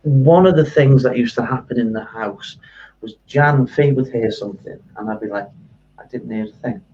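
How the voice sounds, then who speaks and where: Male guest, hesitant and halting, mellow low voice, recorded at a distance on a muffled line. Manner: hesitant, repeats words. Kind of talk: casual interview.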